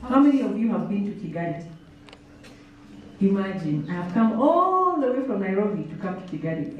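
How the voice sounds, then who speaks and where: A Kenyan-accented woman in her thirties, speaking at medium pitch with a slightly mellow voice, gives students an emphatic motivational talk packed with questions and repetition. She uses a handheld mic in an indoor workshop hall, and the lo-fi recording is roomy and distant, with slight hiss or hum and music behind her.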